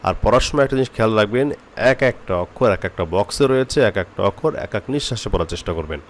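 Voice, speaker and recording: A male Quran reading teacher giving a step-by-step lesson, repeating letter sounds slowly and then explaining the difference between them. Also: fairly low pitch, animated, a little hiss or hum.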